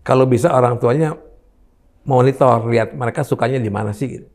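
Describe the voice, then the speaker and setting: An older man explaining talent mapping in a relaxed talk show conversation, giving examples from his grandchildren. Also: medium pitch, fairly quick.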